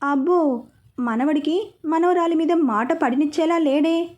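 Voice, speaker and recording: A woman's voice: high voice, unhurried, darkish tone. A woman reading a storybook role, voicing a playful elderly grandmother who teases her grandchildren. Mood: teasing. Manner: playful teasing.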